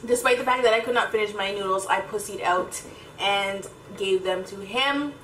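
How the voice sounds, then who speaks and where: A woman's voice: medium pitch, moderate pace, fairly bright tone. A young woman hosting an eating challenge in casual chat, her mouth burning from spicy food. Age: young adult. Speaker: video host. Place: home kitchen. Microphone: camera across the table. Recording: echoey kitchen, noisy, dish clatter.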